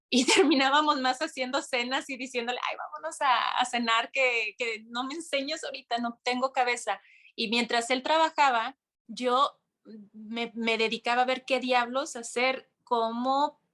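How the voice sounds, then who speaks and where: A young adult woman, a podcast guest telling a story in a casual, animated way, acting out the quotes. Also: a little high. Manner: animated, full of restarts and acted-out quotes.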